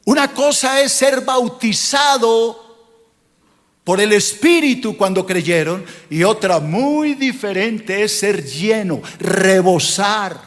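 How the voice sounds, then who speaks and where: A man's voice: high voice, expressive, slow pace, in a large hall. A male pastor preaching a sermon, scolding and questioning his congregation in a rhetorical style.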